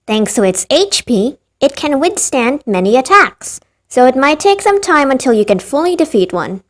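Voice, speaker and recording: In her scripted ranking of game creatures, a woman narrator for a gaming video drifts into wry, rambling asides, describing her own voice as tired and dead. She speaks at normal speed in a high voice with big swings in pitch.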